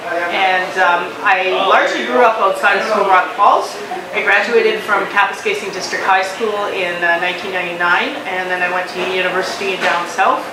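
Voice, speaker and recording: A Canadian woman in her thirties lays out her campaign, speaking at a mid pitch in a measured, explanatory way with frequent pauses. She sounds a little off the mic in a roomy space. Loud crowd chatter fills the background. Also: steady tone, distant mic. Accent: Canadian English. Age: 30s. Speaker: council candidate. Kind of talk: campaign interview statement.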